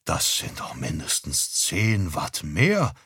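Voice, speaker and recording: A man's voice: lowish voice, expressive, slow, no echo, clean studio sound. A man doing a grumbling, indignant father. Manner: grumbling, insistent. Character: grumpy middle-aged father, indignant and fussy.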